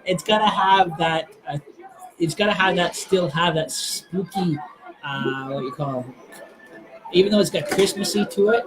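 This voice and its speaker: Rambling man with a higher voice. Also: measured pace, low-quality recording. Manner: hesitant, many fillers and restarts. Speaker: live stream host. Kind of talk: casual rambling chat.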